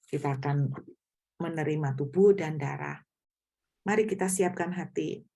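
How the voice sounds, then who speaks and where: A woman's voice: low voice, a little slow, creaky, warm tone. A middle-aged woman pastor giving a conversational sermon, often asking the congregation questions.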